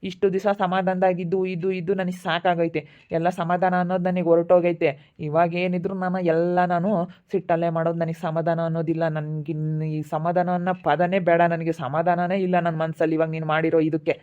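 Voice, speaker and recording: A woman playing an angry in-law throwing someone out of the house, shouting harshly. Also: fairly low pitch, level tone, quick pace, highs cut off, lightly acted.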